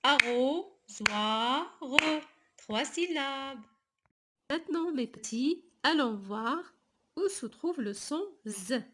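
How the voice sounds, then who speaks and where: A woman from Morocco teaches a reading lesson to small children. Her voice sits high and she goes very slowly, saying each syllable and word twice. Her delivery is patient and deliberate. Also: animated, slight background noise. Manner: slow, deliberate, repeating each sound and word. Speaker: primary school teacher.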